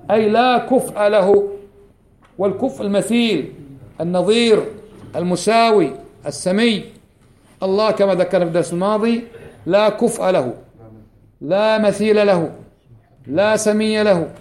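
A man teaching a religious lesson, repeating key phrases slowly and quizzing his class. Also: high voice, darkish tone. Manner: quizzes the class with quick questions.

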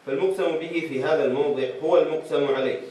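A man reading a classical commentary aloud as a student, in a steady, formal recitation. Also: on the high side, rapid-fire. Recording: distant voice in echoey room.

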